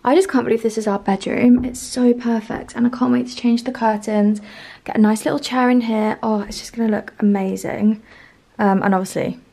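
Young woman, casual home vlog, slightly high voice, gushing, lots of fillers, handheld camera indoors. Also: steady tone, brisk, creaky, mellow. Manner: gushing, filler-heavy, enthusiastic. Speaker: home vlogger. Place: bedroom and kitchen of a rented flat, indoors.

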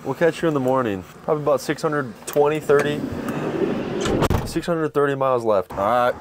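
Laid-back young man vlogging from a van. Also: fairly high pitch. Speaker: vlogger on a road trip. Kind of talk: casual chat to camera. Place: inside a van on the road. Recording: loud road and engine noise.

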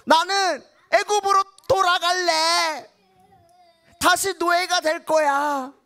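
A woman's voice: very high-pitched, fairly even intonation, slow, a bit bright, voice pushed up, full character voice. A woman voicing a despairing crowd of ancient people who wail and complain, in a whiny sobbing way, for a children's Bible story. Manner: wailing, whiny sobbing delivery.

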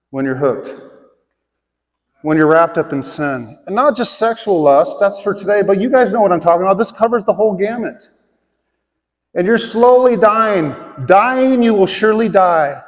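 A middle-aged man preaching a conversational sermon to a congregation in a large church auditorium, asking them direct questions. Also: sits high. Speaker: pastor. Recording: long hall reverb.

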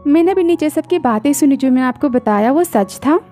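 A woman's voice: sits high, expressive, fairly quick, warm tone, soft background music. Woman reading as a spiteful jealous rival. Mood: sneering.

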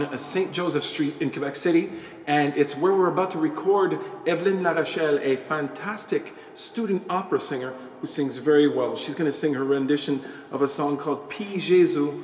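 A man's voice: on the high side, slight background noise. Enthusiastic man in an echoey church. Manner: enthusiastic, chatty, with hesitant fillers. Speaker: videographer and vlogger. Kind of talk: casual vlog explanation. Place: large empty church with wooden ceiling. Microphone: camera mic at arm's length. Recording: echoey church with long natural reverb.

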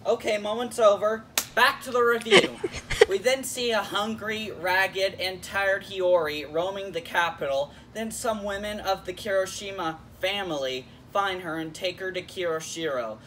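A man's voice: high voice, unhurried, bright, forceful tone, distant mic, a little hiss or hum. A man hosting a casual YouTube episode review in a jokey, playful way. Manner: jokey, playful, switches into silly voices.

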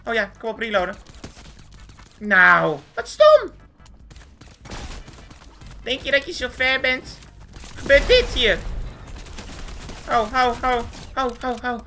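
A performer voicing a squeaky, hyper, cartoonish young male gamer, chattering boastfully through gameplay commentary. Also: takes it slowly, long pauses, soft background music, exaggerated voice. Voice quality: squeaky, swooping, with sudden high squeals. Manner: excitable, boastful, chatters nonstop at the screen. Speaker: game commentator.

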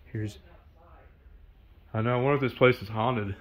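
An urban explorer in his twenties narrates a casual walkthrough of a deserted abandoned house, recorded on a body- or head-mounted camera. His fairly low voice keeps a steady tone at a moderate pace as he talks to his audience and plainly notes what he comes across.

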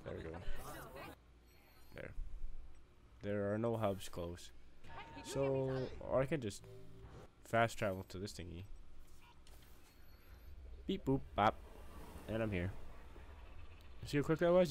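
Casting: man hosting game walkthroughs, fairly low voice, goofy sarcastic asides, faint game sound behind. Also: a little mellow, a little hiss or hum. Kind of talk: casual gameplay commentary.

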